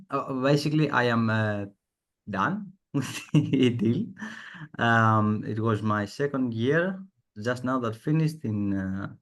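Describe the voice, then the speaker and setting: A young man from the Balkans with a Balkan accent, a student ambassador, giving a hesitant testimony over a video call. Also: mid-range voice. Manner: hesitant, many fillers, laughs at himself.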